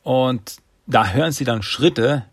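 A man's voice: mid-range voice, takes it slowly, breathy edge, no room sound. A man recapping a cartoon episode in a rambling, chatty way. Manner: rambling, chatty, acts out voices. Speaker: host.

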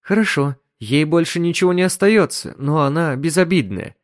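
A man's voice: a little high, expressive, normal speed, voice pushed up, lightly acted. A man voicing a flustered, kindly housewife and mother in a story reading.

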